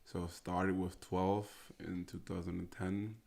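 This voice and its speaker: A man in his twenties from Austria, a guest in a casual interview, talking in a halting way with many fillers and restarts. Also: low-pitched, level tone, gravelly, darkish tone. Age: 20s. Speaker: guest, American football player.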